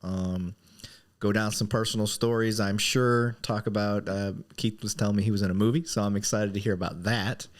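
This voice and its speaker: A man's voice: on the low side, steady tone, moderate pace. A man hosting a podcast in an informal, joking, self-deprecating way. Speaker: podcast host. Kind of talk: casual chat, informal hosting.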